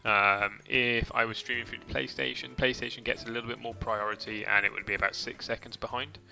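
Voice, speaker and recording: Man, gravelly low voice, bright forceful tone, rambling game stream chat, faint game music. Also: steady tone, fairly quick. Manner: chatty, rambling, mild swearing, talks to chat. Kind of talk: casual gameplay commentary.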